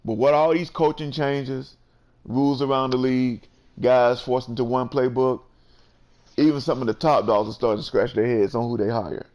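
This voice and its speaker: A man's voice: mid-range voice, steady tone, normal speed, darkish tone. A man hosting a casual sports chat, laid-back and peppering his talk with "you know". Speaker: host.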